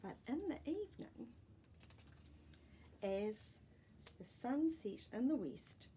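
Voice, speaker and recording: As a storytime host, a woman reads a children's storybook aloud in a voice on the high side, phrasing deliberately and expressively for young listeners and adding small asides. There is slight background noise.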